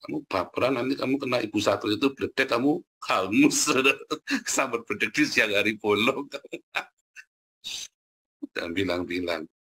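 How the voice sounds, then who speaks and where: A man preaching a sermon in a booming, teasing, colloquial way. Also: measured pace, long pauses, pushed and bright, husky. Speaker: pastor.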